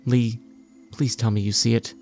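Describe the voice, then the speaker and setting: A man's voice: medium pitch, little pitch movement, moderate pace, a little mellow, soft background music, close to an everyday voice. A man voicing Cassidy, an urgent ship captain. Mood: strained. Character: determined woman ship captain.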